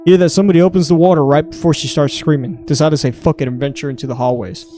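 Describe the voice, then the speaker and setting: Mellow-voiced man reading stories crudely. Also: fairly high pitch, steady tone, very fast. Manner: crude, joking, reads in clipped green-text style. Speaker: podcast host. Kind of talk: casual reading of online stories.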